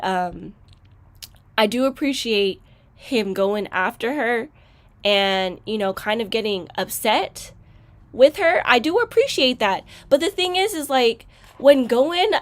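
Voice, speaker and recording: A woman hosting a casual reaction video, talking reflectively with many fillers and growing loud and emphatic when frustrated. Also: fairly high pitch.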